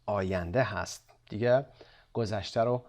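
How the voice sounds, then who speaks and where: A man's voice: lowish voice, darkish tone. Man teaching English with a Persian accent. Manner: alternates fast explanations with slow, drawn-out model sentences. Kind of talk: recorded textbook lesson.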